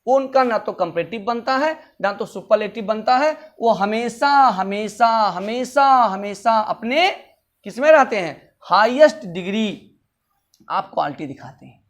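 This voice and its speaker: A man's voice: sits high, animated. Man drilling grammar forms, repetitive. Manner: repetitive drilling, chants word forms slowly. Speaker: English grammar teacher. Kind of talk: classroom grammar lesson.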